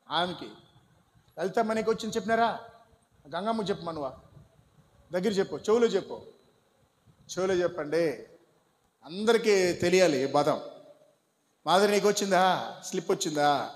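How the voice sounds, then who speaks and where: A high-pitched male pastor preaches in a church hall with a long, ringing reverb. He coaxes and urges his listeners one by one, mixing preaching with quick instructions. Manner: directs congregation by name, coaxing and urging. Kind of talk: sermon with congregation instructions.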